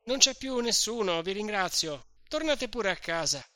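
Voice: mid-range voice, very animated, sharp tone, no echo, studio quality, voice pushed up. A reader voicing a timid older village priest who nervously soothes a crowd and urges them home. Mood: nervous, placating. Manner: hurried soothing, eager to send people away.

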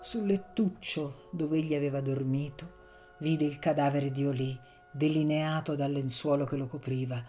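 A woman with a deep voice reads a novel aloud in a steady, measured way. Her tone is warm and mellow, fitting audiobook narration. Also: soft background music.

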